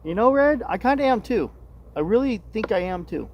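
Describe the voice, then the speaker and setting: A man's voice: high-pitched, animated, fairly quick, dull audio, a little hiss or hum. A man hosting a casual live stream outdoors on a residential street, chatting and musing aloud to his viewers. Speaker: livestream host.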